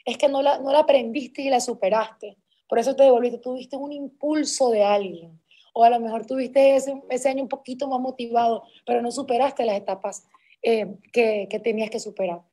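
Woman, high voice, conference motivational speaker, emphatic and driving. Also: steady tone, moderate pace, warm tone. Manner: emphatic and repetitive, building intensity. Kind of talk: motivational talk to a sales team.

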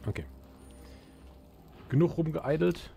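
A man's voice: a little high, expressive, slow, creaky, mellow. A man hosting a let's play, making casual commentary and jokingly trash-talking the enemies in the game. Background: game music.

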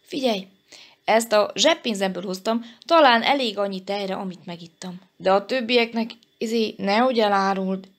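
A woman voicing a calm, self-assured anteater cub with a matter-of-fact manner. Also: mid-range voice, close to an everyday voice.

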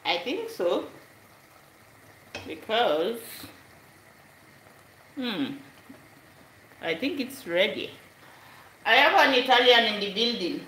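A woman's voice: on the high side, animated, takes it slowly, pauses often, a bit bright, reverberant, a little hiss or hum, poor audio. A woman chatting casually while she cooks live in her home kitchen, laughing often and slipping into Italian phrases. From Sierra Leone. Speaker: cooking vlogger. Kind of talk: casual live cook-along chat. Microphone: camera above the stove.

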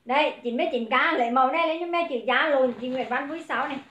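A woman selling clothes on a livestream, briskly calling out prices and greeting viewers by name. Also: sits high, fairly bright tone, echoey room, a little hiss or hum. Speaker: online clothing seller. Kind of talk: livestream sales pitch.

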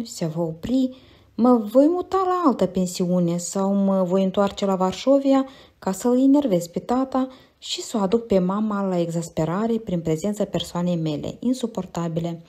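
A woman narrating a literary audiobook in a measured, quiet, reflective way. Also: medium pitch.

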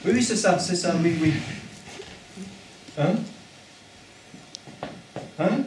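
A man's voice: high voice, extremely slow, darkish tone, a little hiss or hum. An actor playing a man who politely takes over a phone call, in an amateur stage play. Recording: echoey hall from far off.

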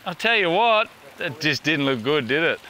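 A man's voice: a little high, big pitch swings, moderate pace, sharp tone, a little hiss or hum. A man chatting casually outdoors, coaching in colloquial speech with "eh" tags. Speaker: off-road adventurer guiding a vehicle crossing. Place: outdoors at a bush creek crossing.

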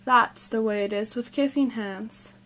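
A woman voicing a gentle motherly raccoon. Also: on the high side, a little slow. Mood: soothing. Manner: warm, soothing, motherly.

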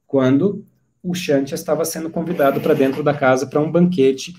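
A Brazilian man teaches a university class in a relaxed, chatty way, his voice sitting a little high for a man. He slows down and lifts his voice when he reads quoted lines aloud. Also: a little hiss or hum. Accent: Brazilian Portuguese. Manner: reads quoted lines in a slower, raised voice, casual asides. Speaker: university lecturer. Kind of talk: lecture reading and explaining a comedy.

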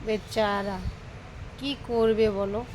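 A woman's voice: medium pitch, level tone, slow pace, darkish tone, a little hiss or hum, rough recording. A woman vlogging about her pets at home, talking to viewers as friends and cooing sweetly to the animals. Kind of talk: casual pet vlog narration.

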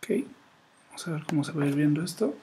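A man giving a relaxed screen-recorded web design tutorial, thinking aloud and reading out words as he types them. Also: a little high, fast. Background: keyboard typing and faint room noise.

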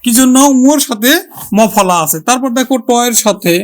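Teacher slowly drawing out example words. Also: mid-range voice. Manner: drawn-out, careful sounding of example words; repeats each example word for the listener. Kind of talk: Bengali pronunciation lesson.

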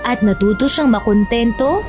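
Fairly high-voiced woman storyteller. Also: expressive, moderate pace, over music. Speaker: narrator. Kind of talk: scripted children's story narration.

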